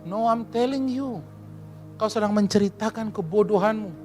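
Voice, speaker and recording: A man, a pastor giving a lively sermon in church and asking the congregation questions. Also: high-pitched, moderate pace, faint music behind. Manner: lively preaching, asks the congregation questions, mixes in English.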